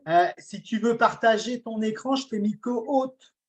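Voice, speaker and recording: A woman with a husky voice hosting an online meeting in a casual, chatty style. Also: fairly high pitch, steady tone, a little slow, darkish tone. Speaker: meeting host. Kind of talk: casual chat.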